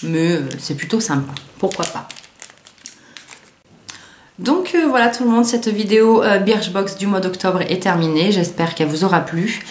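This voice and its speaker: A woman's voice: medium pitch, animated, normal speed. A woman vlogger casually reviewing a beauty subscription box, chatty and hesitant, with many fillers and restarts, often reading product descriptions aloud. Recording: echoey room with faint noise.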